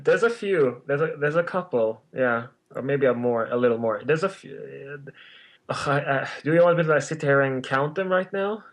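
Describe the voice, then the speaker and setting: A man's voice: medium pitch, normal speed. A man from Norway, a guest in a casual interview who rambles, laughs and restarts his sentences often. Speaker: podcast guest.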